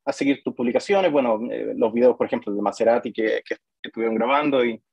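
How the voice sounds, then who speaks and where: A man from Chile, chatting casually as a guest and pausing often with fillers and restarts. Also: mid-range voice, vocal fry, darkish tone, slightly rough, dry recording, muffled recording. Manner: hesitant, frequent fillers and restarts. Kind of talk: casual conversation.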